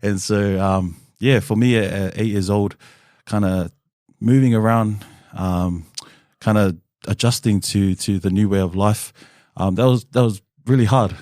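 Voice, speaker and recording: A man in his thirties from New Zealand, with a low voice, shares his story as a guest in a relaxed, candid, open way. He fills pauses with frequent "um" and "kinda," and the recording is close and dry, with no room sound.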